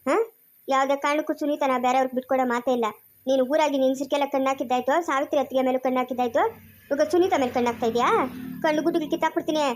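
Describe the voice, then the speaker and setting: A woman's voice: sits high, fairly even intonation, very fast, voice pushed down, close to an everyday voice. Woman playing a hot-tempered village man. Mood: angry. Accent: Kannada, Chikkaballapur rural dialect. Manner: scolding, threatening, shouting orders. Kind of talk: village comedy skit acting.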